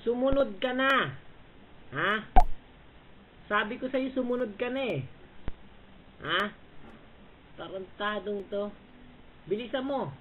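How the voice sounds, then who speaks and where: A man's voice: high-pitched, animated, takes it slowly, pauses often. A man trash-talking rivals in an online voice chat room, mocking them and barking short orders. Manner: taunting and bossy, repeatedly barking short orders and "ha?". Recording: tinny voice-chat line with faint hiss.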